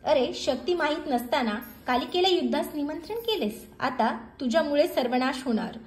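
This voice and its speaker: A woman's voice: high voice, animated, normal speed, echoey room, faint music behind. Woman voicing panicked fleeing gods. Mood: alarmed. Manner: urgent warning. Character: frightened gods, male, fleeing, warning.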